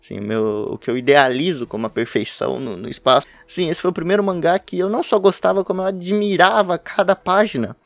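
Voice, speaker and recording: A man's voice: a little high, a little fast, creaky, few pauses, no room sound. A man chatting casually to his webcam about a favorite manga, rambling and laughing between thoughts. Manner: rambling, self-interrupting, laughs often. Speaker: podcast host reviewing manga. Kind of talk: casual talk to camera. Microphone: webcam setup at home.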